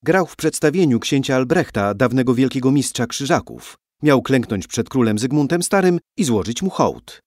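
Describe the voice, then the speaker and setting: A man narrating a story for young listeners in an expressive way, acting out the characters. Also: medium pitch, normal speed, few pauses, no room sound, clean studio sound.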